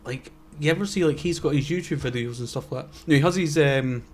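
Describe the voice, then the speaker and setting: In casual podcast conversation, a young co-host from Scotland talks fairly fast with a fairly high pitch. His style is rambling and wry, and he often stops himself in the middle of a sentence.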